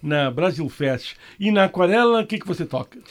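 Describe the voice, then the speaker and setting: Male host, casual interview, short encouraging replies, animated intonation. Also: sits high, normal speed. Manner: brief encouraging backchannels.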